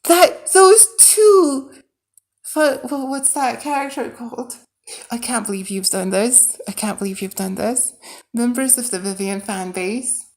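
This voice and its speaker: During a casual livestream, an Iranian woman who modds games chats with viewers and thinks aloud as she codes. Persian is her first language and she speaks with a Persian accent, her voice a little high with lively intonation and a slightly slow pace.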